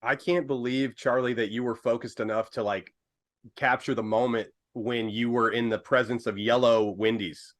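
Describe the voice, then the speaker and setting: A man's voice: medium pitch, fairly even intonation, normal speed. A man hosting a casual interview, enthusiastic and slangy, calling his guest dude and man. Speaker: host.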